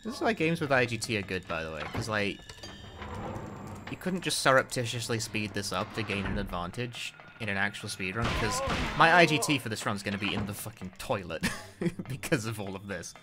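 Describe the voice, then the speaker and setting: A man's voice: lowish voice, big pitch swings, a little fast, background noise. A man giving casual, rambling commentary during a game stream, full of "like" and swearing. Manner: rambling, self-mocking, swears, frequent "like". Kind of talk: casual live-stream commentary while gaming.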